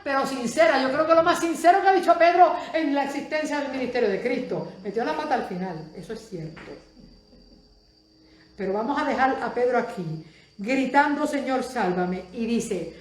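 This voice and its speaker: A woman preacher delivering a Spanish-language sermon, moving between soft asides and loud exclamations and asking the audience many questions. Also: fairly high pitch, reverberant.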